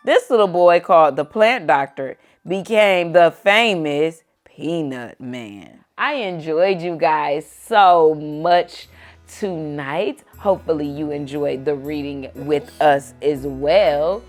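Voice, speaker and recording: A woman with a deep, slow voice hosts a read-aloud of a children's book, using simple phrasing and talking to a young child between passages. Background music plays behind her storytelling.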